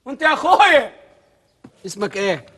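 A shrill, piercing teacher with a husky edge, rattling off scoldings at speed. He is bossy and old-fashioned, and comically outraged at everything around him. The voice is bright and sharp, like a man always on the verge of shouting. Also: big pitch swings, fairly quick, full character voice. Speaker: Arabic teacher. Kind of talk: comedy film acting.

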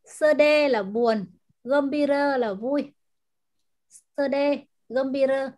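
A woman teacher in an online class, patiently explaining words and pronunciation and repeating them slowly over a video call. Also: sits high, darkish tone. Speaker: language teacher.

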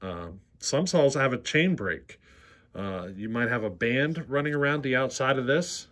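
A man's voice: mid-range voice, expressive, a little slow, fairly bright tone. A man in a workshop demonstrating a chainsaw repair, talking plainly and unhurriedly, often asking "see how". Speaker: chainsaw repair channel host. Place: workshop bench.

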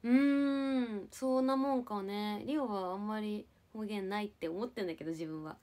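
A young Japanese woman livestreams, chatting casually with viewers and giggling playfully as she answers their comments. Her voice sits in the mid range, mellow, at a moderate pace.

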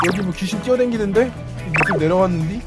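An excitable gamer chatting casually with friends during a horror game, often repeating phrases urgently. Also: mid-range voice, fast. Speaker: video game player. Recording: loud music over the voice.

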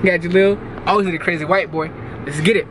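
A man's voice: high voice, fairly even intonation, a bit bright, a little hiss or hum, rough recording. A young man hosting a prank vlog, opening the video from inside a car with hyped energy. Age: young adult. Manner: hyped and fast-talking. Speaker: prank channel host. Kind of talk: vlog intro.

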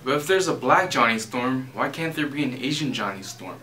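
A young man in an amateur student skit plays an indignant actor who argues his point. His voice is bright. It sounds recorded in an echoey room from a little way off, with faint noise. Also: medium pitch, animated, fairly quick. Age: young adult. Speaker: student actor playing an auditioning actor. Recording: roomy, distant, faint noise.

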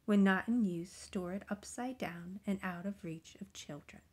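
A tiny, courteous magical little man speaks his thank-you letter in a soft, hushed storybook voice, as a woman narrator reads it. The words slip into near-whispers at times, quiet and kindly. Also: mid-range voice, normal speed, close to an everyday voice. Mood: gentle.

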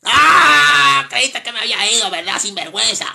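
A man voicing a preachy, strict old church lady of about seventy who scolds in a shrill voice, in a comedic live-stream skit. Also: very animated, fast talker, gravelly, pushed and bright, exaggerated voice. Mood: shrieking.

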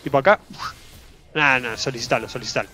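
A man with a Rioplatense Spanish accent giving excitable live gameplay commentary as a streamer, swearing casually and repeating his phrases. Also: mid-range voice, fast talker, soft background music.

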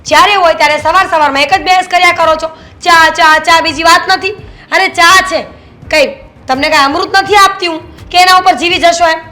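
A woman's voice: very high voice, fairly even intonation, fairly quick, pushed and bright. An actress playing a young daughter-in-law who scolds her mother-in-law sarcastically. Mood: scolding. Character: sharp-tongued young daughter-in-law refusing tea.

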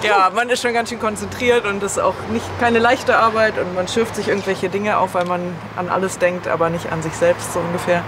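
A woman's voice: mid-range voice, fairly even intonation, brisk, hardly any pauses, noisy background. A woman in her forties chatting casually about working up in the rigging of an old sailing ship in a harbour. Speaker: boat owner working in the rigging. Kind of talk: casual chat.

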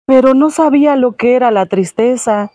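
A woman voicing a sad statue prince, speaking softly and sorrowfully. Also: high-pitched, moderate pace, no echo, studio quality, pitched above the performer's own voice, natural voice. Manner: soft, sorrowful storytelling.

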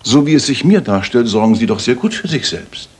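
In a German radio drama, a male actor plays a brisk, self-assured master detective who asks precise, probing questions. His husky voice sits at medium pitch and is expressive, with a probing, attentive mood.

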